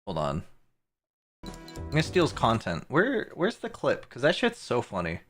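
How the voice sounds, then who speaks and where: A man's voice: mid-range voice, huge pitch swings, normal speed, soft background music. A man streaming live, reacting to clips with crude jokes and frequent laughter. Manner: crude, joking, laughs often. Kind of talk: casual live-stream commentary.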